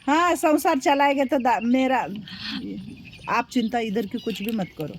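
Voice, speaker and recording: A woman running an old-age home, gently reassuring a resident, switching between Marathi and Hindi. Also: a little high, expressive, measured pace, slight background noise. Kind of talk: comforting vlog talk.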